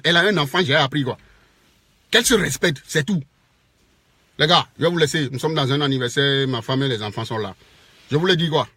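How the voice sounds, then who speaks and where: A man's voice: a little high, a bit bright, slightly rough, no room sound. A man from Togo with a Togolese French accent, lecturing his online followers in a repetitive, impassioned rant. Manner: lecturing, repeats phrases, tags "quoi". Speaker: social media commentator. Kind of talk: impassioned Facebook video rant.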